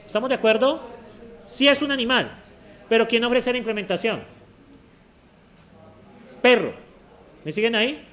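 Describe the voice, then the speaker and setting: A man's voice: very high-pitched, fairly bright tone. A man teaches a university programming class. He explains step by step and keeps throwing short check questions at the students. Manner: asks the class many quick check questions. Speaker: university lecturer. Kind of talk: classroom lecture.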